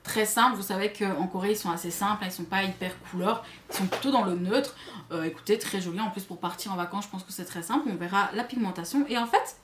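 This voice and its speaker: A woman's voice: medium pitch, fast talker, fairly bright tone, slight background noise. A woman with a Belgian or Swiss French accent reviews makeup to camera in a chatty way, full of asides to her viewers. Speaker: beauty vlogger. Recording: echoey room.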